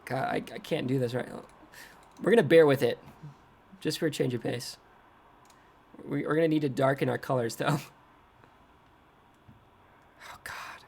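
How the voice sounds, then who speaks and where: A man's voice: medium pitch, moderate pace, gravelly, pauses often, a little mellow, husky. A man chatting casually on a trading livestream, rambling and poking fun at himself as he reacts to his screen. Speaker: crypto trading streamer.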